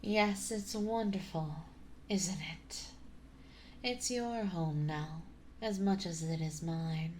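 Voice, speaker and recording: In an intimate ASMR roleplay, a woman plays a gentle yet dominant vampire mistress, speaking softly and breathily, often in a whisper. Her voice is lowish with a slight hiss or hum, her mood warm and reassuring, her manner slow, coaxing and refined.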